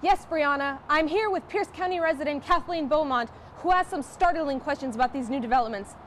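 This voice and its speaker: Slight background noise sits under this high-pitched woman's voice, which moves a little fast. Acting as a field reporter for a college's comedic promo newscast, she reads a scripted mock news report with exaggerated perkiness.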